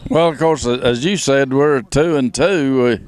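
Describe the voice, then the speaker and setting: A man, a high school football coach, answering interview questions in a measured, plain-spoken way. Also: slight background noise.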